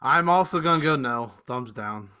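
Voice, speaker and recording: A man's voice: medium pitch, expressive, normal speed, sharp tone, clear, resonant tone. A young man on a casual podcast with his brothers, dropping short, dry, teasing remarks. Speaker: podcast co-host. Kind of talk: casual chat among brothers.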